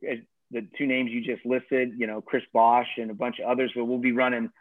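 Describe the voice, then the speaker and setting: A man's voice: mid-range voice, little pitch movement, a little fast, no room sound. A man, a college tennis coach, talking casually in an interview, rambling with many fillers and restarts. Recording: dry tinny phone-like call audio.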